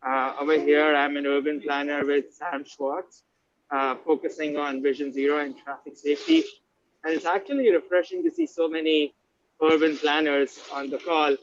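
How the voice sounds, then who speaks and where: Man, higher-pitched, introducing himself through a mask on a video call from a bus; dry, lo-fi sound. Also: normal speed, no room sound. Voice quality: muffled by a mask. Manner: talking on the move aboard a bus. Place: riding on a bus.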